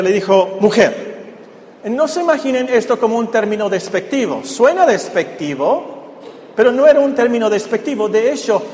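A man's voice: sits high, darkish tone. A man preaching a sermon, explaining a Bible passage and asking the congregation rhetorical questions. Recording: echoey hall with long reverb, faint background noise.

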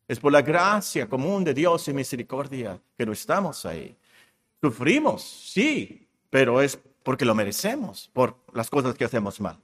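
A man preaching a sermon, stressing points by repeating words and reading scripture slowly and solemnly. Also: mid-range voice, big-room sound.

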